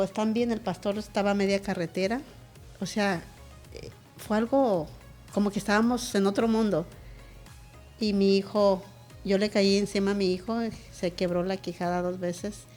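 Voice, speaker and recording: A woman's voice: mid-range voice, fairly even intonation, moderate pace, darkish tone, soft background music. A woman pastor, a guest in an interview, recounting a personal testimony in a vivid, emotional way.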